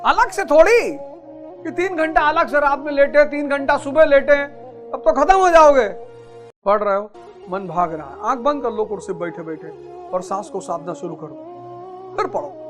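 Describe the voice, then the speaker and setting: High-voiced, preachy male lecturer. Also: expressive, normal speed, soft background music. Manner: emphatic and preachy, swinging between loud exhortation and near-murmur. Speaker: motivational teacher. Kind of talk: motivational lecture.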